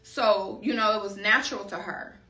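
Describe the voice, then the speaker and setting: A woman's voice: medium pitch, fairly even intonation, normal speed, bright, forceful tone. A woman from Chicago giving a casual tarot reading, chatty and drifting into personal stories while calling her viewers y'all. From Chicago, USA. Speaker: tarot card reader. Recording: echoey room, voice a bit far from the mic.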